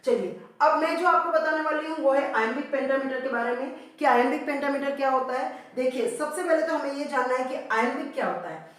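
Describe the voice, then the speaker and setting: A woman's voice: high voice, moderate pace, fairly bright tone. A woman with an Indian accent teaching an exam-prep English lesson. She asks questions and then answers them herself, repeating the key points. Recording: very echoey room.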